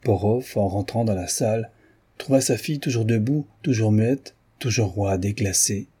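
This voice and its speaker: A man reading a novel aloud as an audiobook narrator, in measured, even storytelling. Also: on the low side, slightly rough. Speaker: audiobook reader.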